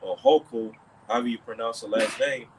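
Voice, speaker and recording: A man's voice: mid-range voice, steady tone, fairly quick, a little hiss or hum, poor audio. A man giving casual religious commentary, rambling and peppering his talk with "okay" and "all right".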